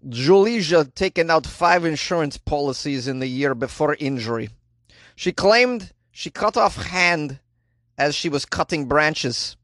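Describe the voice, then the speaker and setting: A man's voice: fairly high pitch, animated, a little slow, a bit bright, dry recording, studio quality. Man putting on a mock Slovenian newsreader. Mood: deadpan. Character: mock Slovenian reporter reading news in broken English. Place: small closet, close dry sound.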